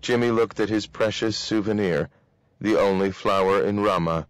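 A man reading a novel aloud in a steady, measured way. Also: lowish voice, smooth, no echo. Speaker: reader.

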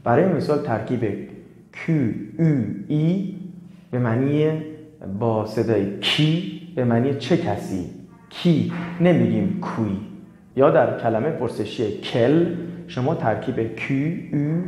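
A man teaching the French alphabet in a slow, step-by-step lesson. He spells out letters and repeats each example word. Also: mid-range voice, lively intonation, darkish tone, echoey room.

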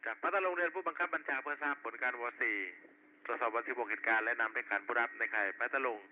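Quick-talking male police dispatcher over walkie-talkie. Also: mid-range voice, expressive. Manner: speaking over walkie-talkie, clipped and formulaic. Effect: two-way radio. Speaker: police radio dispatcher at net control. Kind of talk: procedural police radio roll call, reading back reports. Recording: tinny narrowband walkie-talkie with faint noise.

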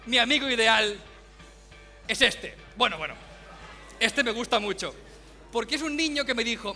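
A man doing a stand-up comedy monologue, loud and mocking with sudden shouts. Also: extremely high pitch.

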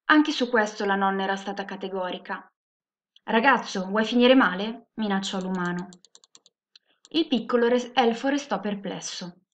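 A woman teacher reading a storybook aloud in a steady, clear narration. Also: medium pitch, normal speed. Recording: muffled lo-fi recording.

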